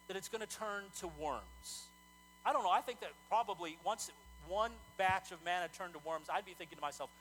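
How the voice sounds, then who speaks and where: A male pastor preaching a sermon in a conversational, animated way, often repeating words as he talks. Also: high voice, low-quality recording.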